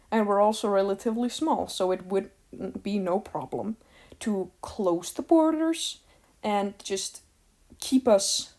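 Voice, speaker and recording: A woman's voice: mid-range voice, mellow. A teenage girl from Iceland ranting casually to the camera, rambling with lots of fillers and a sarcastic edge. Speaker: vlogger.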